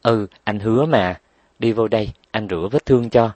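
A man voicing a kind boy who gently coaxes and soothes a younger girl. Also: on the low side, normal speed, no room sound, close to an everyday voice. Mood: coaxing. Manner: coaxing, gentle pleading. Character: kind older boy soothing little girls.

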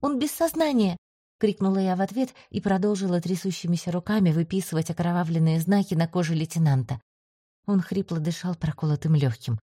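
Brief: woman audiobook narrator, steady first-person read, mellow tone, dry close sound. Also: fairly low pitch, fairly quick, no echo.

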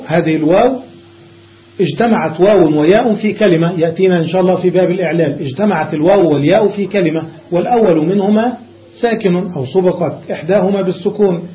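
A man teaching a classroom grammar lesson, explaining step by step and often stopping to check that his students follow. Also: sits high. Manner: explains step by step, checks understanding with repeated questions. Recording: dull echoey classroom recording.

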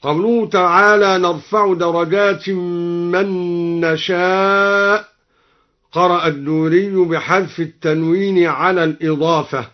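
A man explaining Quranic reading variants in a measured way, then reciting each example slowly and melodically. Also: high-pitched, steady tone. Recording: dull lo-fi archival radio recording.

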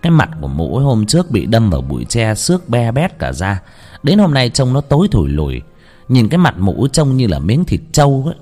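Expressive male storyteller. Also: lowish voice. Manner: very expressive, swinging between hushed and heightened. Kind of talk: dramatic ghost story narration.

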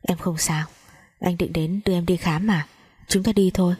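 A woman's voice: fairly low pitch, fairly even intonation, moderate pace, mellow, slightly rough, dry recording, clean studio sound. A woman voicing a grief-stricken twenty-year-old heiress, speaking in broken, pleading phrases.

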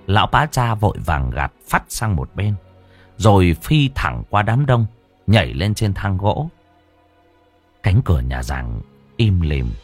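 Low-voiced male horror storyteller. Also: slightly rough.

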